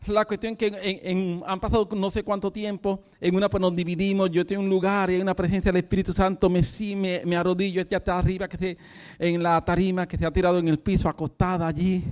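A man's voice: high voice, little pitch movement, quick pace, a little mellow, clean tone. A man preaching a sermon, telling a story with fervent energy and breaking into laughter. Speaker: pastor.

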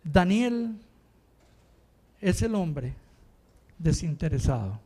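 An older man from Rica, preaching an impassioned sermon that swings between quiet talk and shouting. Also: fairly high pitch, big pitch swings, extremely slow. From Costa Rica.

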